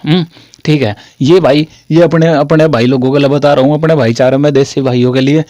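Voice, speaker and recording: A man's voice: fairly high pitch, steady tone, fairly quick, mellow, no echo. Chatty teacher man from Haryana. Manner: chatty, repeats phrases, calls listeners "brother". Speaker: English teacher. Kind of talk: classroom-style lesson.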